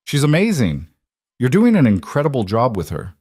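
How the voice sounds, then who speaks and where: A man voicing a guarded woman CEO who speaks quietly and earnestly, in a storybook narration. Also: medium pitch, wildly swooping pitch, normal speed, husky, no echo, clean studio sound, voice pushed up. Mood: tender.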